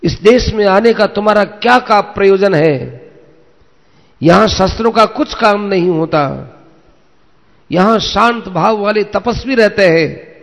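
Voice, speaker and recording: A man voicing a proud ascetic who turns out to be the king of gods, loud and commanding at first, kindly later. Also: high-pitched, a little slow, gravelly, voice pushed up. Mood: stern. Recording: echoey, dull lo-fi recording.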